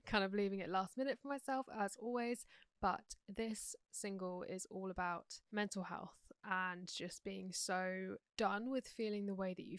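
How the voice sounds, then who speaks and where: A young Englishwoman with a croaky sore throat, hosting a true crime podcast in an earnest, chatty way. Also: medium pitch, no room sound, studio quality. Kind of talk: casual true crime narration.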